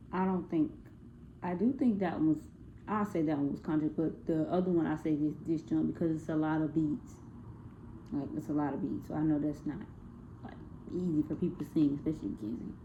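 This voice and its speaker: A woman's voice: sits low, mellow. A young woman giving a casual spoken class presentation on a music project, hesitant, with many fillers and self-corrections. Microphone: phone. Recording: tinny phone-like recording with faint noise.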